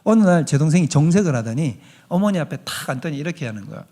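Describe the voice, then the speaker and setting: A man's voice: fairly high pitch, quick pace. A middle-aged male pastor preaching a sermon, telling stories and acting out the voices in them. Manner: animated storytelling preacher, acts out voices in quotes.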